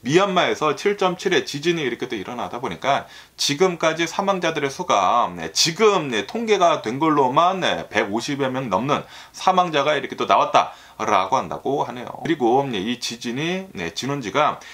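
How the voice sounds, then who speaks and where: A man talking casually to his viewers about the news, rambling and filling every pause with little filler words. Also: medium pitch, big pitch swings, fairly bright tone. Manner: filler-heavy, constant "ne" and "ireoke tto"; rambling and talkative, sometimes laughs. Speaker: YouTuber reviewing US news. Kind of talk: casual solo video talk.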